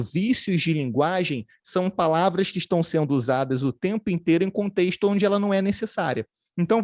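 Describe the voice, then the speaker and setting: A man's voice: high-pitched, a little mellow, no room sound, clean studio sound. A man giving a remote training lecture on customer service. He explains step by step and often adds tag questions.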